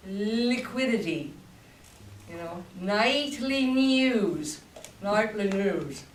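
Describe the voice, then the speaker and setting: Speaking extremely slowly in an expressive, mid-range voice, an older woman, a voice teacher, demonstrates and coaches technique in bursts. The voice masterclass talk is recorded from a distance in a room, sounding roomy with a faint hum.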